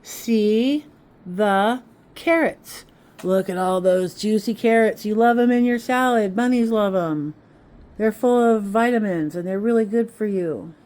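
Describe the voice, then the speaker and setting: Slow, encouraging kindergarten teacher woman. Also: mid-range voice, a little mellow. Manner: slow, encouraging, sounding out letters. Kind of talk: children's phonics lesson.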